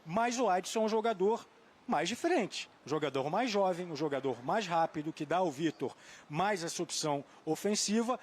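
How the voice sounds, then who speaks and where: A man giving studio football analysis in a thoughtful, measured way, sometimes searching for a name. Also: high voice, animated. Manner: thoughtful, hesitant, searching for names. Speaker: football pundit.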